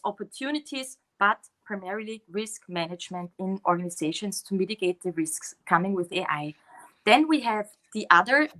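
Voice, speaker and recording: A woman's voice: mid-range voice, a bit bright. A woman with a German accent, a guest giving a slide presentation over a video call, explaining steadily with many fillers and restarts. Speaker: guest speaker.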